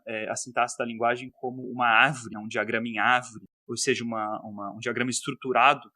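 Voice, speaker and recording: A man's voice: mid-range voice, bright, forceful tone, no echo, clean studio sound. A man from the São Paulo interior with a local Portuguese accent, explaining linguistics as a podcast guest, often tagging sentences with "né?". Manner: explanatory, gives examples, many "né?" tags.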